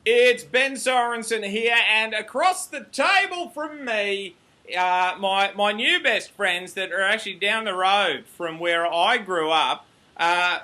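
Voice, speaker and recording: Australian male host, chatty and jokey, high-pitched and bright-toned. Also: expressive, slow pace. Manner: upbeat, joking, chatty. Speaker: interview host. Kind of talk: casual chat interview.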